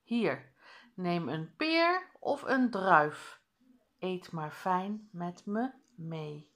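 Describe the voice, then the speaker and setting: A woman's voice: fairly low pitch, expressive, drawn-out words, fairly bright tone, exaggerated voice. A woman reading as a friendly schoolteacher. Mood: warm. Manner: friendly and welcoming. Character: kind female teacher recovering from flu.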